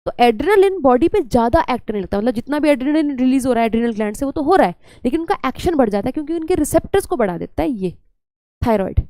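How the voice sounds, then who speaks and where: Low-pitched, gravelly woman teacher. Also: lively intonation, racing, dark tone, no room sound. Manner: chatty, scolding, mixes English terms. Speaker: biology teacher. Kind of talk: lecture.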